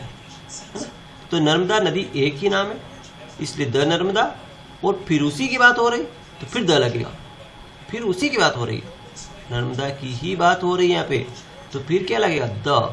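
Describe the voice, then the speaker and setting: A man's voice: on the high side, gravelly, fairly bright tone, a little hiss or hum. A man teaching a grammar lesson, asking the class questions and answering them himself.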